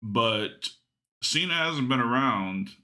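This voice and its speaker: A man co-hosting a podcast, chatting casually and reasoning through his opinions in a measured way. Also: mid-range voice, animated, sharp tone. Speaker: podcast co-host. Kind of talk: casual analytical chat.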